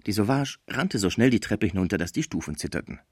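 A man reading a classic novel aloud as scripted narration in an expressive storytelling manner. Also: fairly low pitch, quick pace, breathy edge, dry recording, studio quality. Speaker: audiobook reader.

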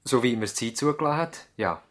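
This 1970s radio play features a male actor with a Swiss German accent as an earnest young doctor full of ideals. Though measured and formal, his natural mid-range voice is animated, carrying a respectful, thoughtful mood.

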